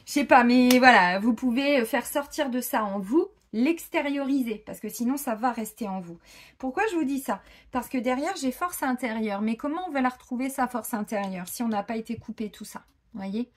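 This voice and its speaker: A woman giving a casual spiritual card reading, chatty and informal, with many fillers and asides. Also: on the high side. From France. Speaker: tarot card reader. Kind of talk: casual spiritual guidance talk.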